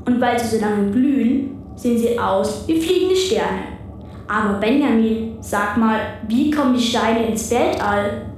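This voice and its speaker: A woman's voice: a little high, lively intonation, measured pace, darkish tone, slight background noise. A woman playing Pluto as a chatty, curious, childlike talking planet in a children's radio play, playful in manner. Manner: playful, chatty, addresses listeners as earthlings. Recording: echoing, distant, music bed.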